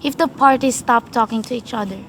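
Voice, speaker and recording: A woman's voice: on the high side, brisk, a little hiss or hum, close to an everyday voice. A woman playing an officious telephone chief operator in a radio play, formal, procedural and detached.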